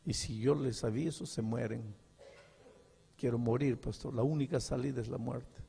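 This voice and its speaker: An older man preaching a sermon as a pastor, telling a story with dramatic dialogue and swinging from hushed to loud. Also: medium pitch, steady tone, normal speed, gravelly, slightly rough, in a large hall. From Peru.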